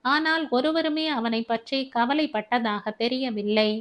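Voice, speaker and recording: A woman's voice: a little high, unhurried. A woman reading a family novel aloud as an audiobook narrator.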